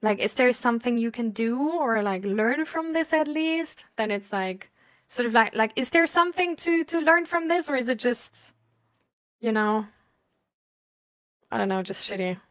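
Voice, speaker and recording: Expressive and on the high side, her voice keeps a normal speed. She is a German live host in a casual chat, giggling and laughing often as she rambles and hesitantly thinks aloud.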